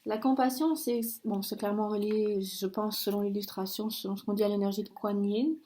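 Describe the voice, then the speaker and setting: Earnest, halting woman giving a spiritual reading. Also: medium pitch, level tone, dark tone. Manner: earnest, halting, with frequent restarts and apologies; firm, warning tone. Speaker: spiritual card reader. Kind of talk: channeled oracle card reading.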